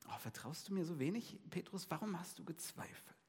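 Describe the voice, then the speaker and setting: Calm Jesus read by a preacher, gentle and soft, reverberant hall. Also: male voice, medium pitch, normal speed, creaky, husky. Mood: reassuring. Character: Jesus, calm reassuring man calling disciples.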